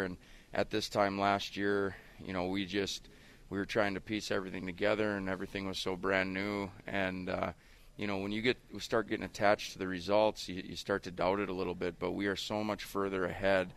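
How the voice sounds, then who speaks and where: Low flat-voiced man, muffled by a mask. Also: a little fast, gravelly, clean tone. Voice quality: muffled through a face mask. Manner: earnest, explanatory, frequent "you know". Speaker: high school hockey coach. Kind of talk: casual radio interview.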